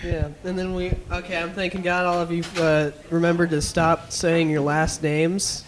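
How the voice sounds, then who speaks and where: A man's voice: on the high side, monotone, moderate pace, background noise. A young man hosting a casual podcast, rambling loosely with lots of fillers. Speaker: podcast host.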